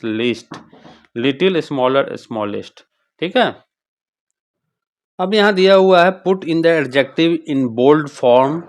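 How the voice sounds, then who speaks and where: A man teaching an English grammar lesson, reading English lines slowly and explaining fast in Hindi while asking the class questions. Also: mid-range voice.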